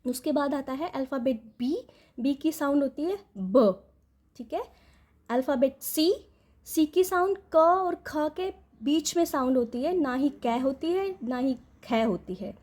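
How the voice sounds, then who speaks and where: A woman teaching letter sounds to parents, going slowly, repeating each sound and checking in often. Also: high voice, darkish tone. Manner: patient, checks in with "ठीक है?" after each point. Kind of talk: instructional explainer.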